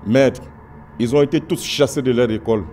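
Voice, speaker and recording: A man's voice: medium pitch, moderate pace, a little mellow, faint music behind. A man acting in a comedy sketch as a poor employee who pleads with his boss and a judge. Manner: pleading, deferential. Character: put-upon male employee begging his boss. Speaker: actor in a comedy web series.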